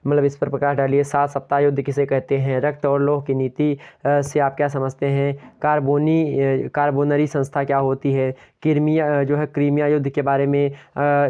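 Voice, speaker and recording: A man's voice: on the high side, clean tone. Lo-fi young male tutor, quizzing. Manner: repeats questions to the class and answers them himself; keeps urging viewers to like and share. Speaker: teacher. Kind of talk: online exam-prep lecture. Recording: dull lo-fi sound.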